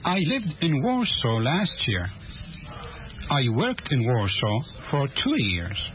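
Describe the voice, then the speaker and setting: An actor playing a polite young male student from abroad in a scripted textbook dialogue, speaking clearly and carefully. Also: medium pitch, wildly swooping pitch, slow. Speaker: language course dialogue actor. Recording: dull lo-fi course tape.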